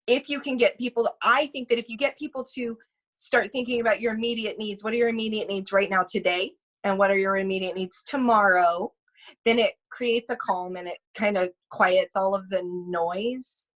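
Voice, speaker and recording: Brief: practical woman coach, calming and steady, middle-pitched voice, walks through plain questions on a call. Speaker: life coach. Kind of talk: casual chat.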